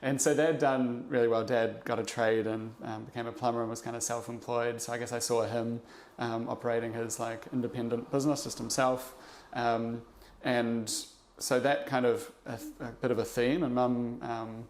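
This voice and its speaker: In a casual podcast chat, a young New Zealand man who is an investor appearing as an interview guest reflects on his past, unhurried and halting, with frequent pauses, fillers and restarted sentences. His voice sits in an ordinary male middle range, delivered flatly with a darkish tone. There's a little hiss or hum in the audio.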